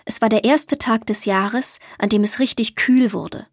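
A woman narrating a children's storybook in a calm, clear storytelling manner. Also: a little high, a little slow, no echo, studio quality. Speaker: audiobook reader.

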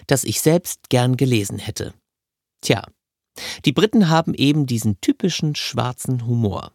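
A man's voice: medium pitch, a little mellow, dry recording, studio quality. A man hosting an audiobook show, giving a chatty, scripted presentation with light amusement. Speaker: podcast host presenting audiobooks.

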